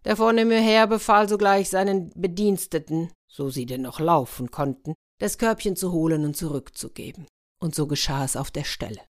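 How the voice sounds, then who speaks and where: A woman telling a fairy tale in a lively way, turning to her listeners with questions. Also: lowish voice, moderate pace. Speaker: storyteller.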